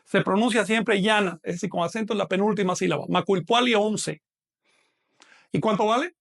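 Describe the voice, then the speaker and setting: Gravelly man teaching a math lesson. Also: high voice, fast. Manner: patient, explains step by step, asks questions and answers them. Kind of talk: live online lesson.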